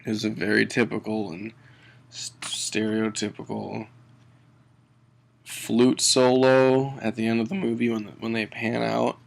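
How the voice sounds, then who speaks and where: Male, tipsy amateur film reviewer: slow, gravelly, rambling, sweary, chuckles through his own jokes. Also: lowish voice, little pitch movement. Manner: tipsy, drunken rambling delivery; halting, sweary, often chuckling mid-sentence. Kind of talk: casual comedic movie review.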